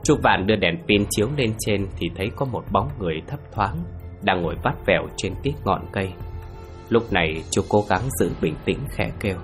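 A man narrating a ghost story in a slow, hushed, suspenseful manner. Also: fairly low pitch, faint music behind.

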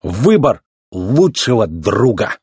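A man's voice: a little high, lively intonation, measured pace, darkish tone, breathy edge, no room sound, clean studio sound, pitched above the performer's own voice. A man doing a goofy drawling old tow truck. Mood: cheerful. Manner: drawling, sing-song teasing. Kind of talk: storybook reading.

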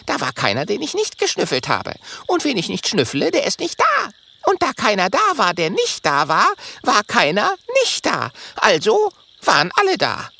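A woman's voice: mid-range voice, wildly swooping pitch, moderate pace, gravelly, sharp tone, slight background noise, heavily acted. A woman voicing a tiny, boastful and nervous male digging dragon in an audiobook, stammering when scared. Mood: insistent. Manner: stammering, hesitant then boastful. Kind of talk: audiobook character voice.

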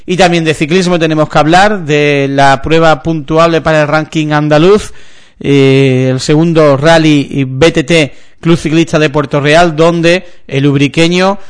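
Guy hosting sports news on radio, fairly high clean voice, keeps pausing to find his words. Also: steady tone, clear, resonant tone. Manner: halting, searching for words. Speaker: local radio sports host. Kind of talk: unscripted sports news presenting.

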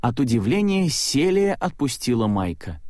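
Guy reading a kids story out loud, voice jumps all over, dead dry sound. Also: mid-range voice, normal speed, no echo. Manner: lively, expressive storytelling. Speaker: narrator.

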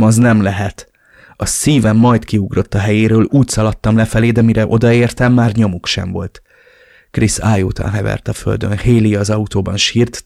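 A man's voice: lowish voice, creaky, a little mellow, no room sound, studio quality. A man narrating a novel in the first person with a dramatic, emotional reading. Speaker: audiobook narrator.

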